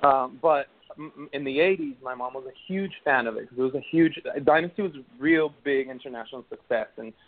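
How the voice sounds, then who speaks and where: Over a tinny phone connection, a Venezuelan man in his thirties, an actor guest with a Venezuelan Spanish accent, responds to interview questions. His voice is medium in pitch and fairly quick, yet his replies are hesitant and crowded with fillers and restarts.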